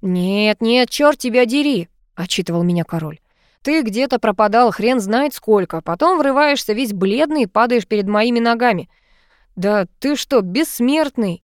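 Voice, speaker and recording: A woman's voice: mid-range voice, expressive, moderate pace, darkish tone, no echo, studio quality, natural voice. A woman voicing a hot-tempered male king who scolds and swears. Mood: angry.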